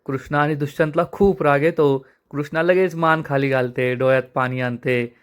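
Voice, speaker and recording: A man's voice: on the high side, steady tone, moderate pace, smooth. A man recapping a TV serial episode in a dramatic storytelling manner.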